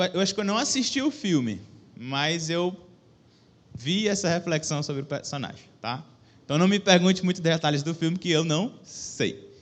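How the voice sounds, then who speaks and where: A young preacher with a Brazilian Portuguese accent and a voice on the high side gives a laid-back, joking sermon in a church hall. Self-deprecating and talkative, he speaks into a microphone with a stage monitor and keeps asking the audience questions.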